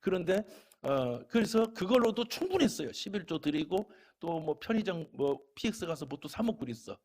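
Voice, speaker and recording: A middle-aged pastor preaching a sermon, telling homely stories between loud calls to his congregation. His voice is husky and gravelly, pitched a little high. He drops into quiet, chatty asides before climbing back to ringing exhortation. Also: sing-song, moderate pace. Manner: folksy storytelling, swinging from loud exhortation to soft asides. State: a little unwell.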